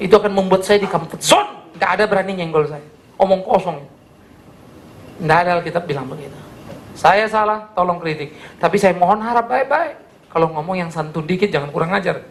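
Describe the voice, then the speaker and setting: Male pastor, Indonesian accent, gravelly, earnest sermon delivery, faint noise. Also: sits high. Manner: earnest, animated preaching with rhetorical questions. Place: church service.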